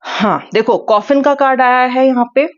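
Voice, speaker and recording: A woman's voice: high voice, normal speed. Earnest woman tarot reader, dull lo-fi sound. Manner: earnest, repeats key words, mixes Hindi and English. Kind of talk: tarot reading monologue.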